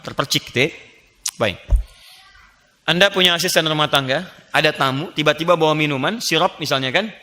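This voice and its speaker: A man preaching a lively sermon, playful and animated, joking with the audience and acting out little scenes. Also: on the high side. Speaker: Islamic preacher.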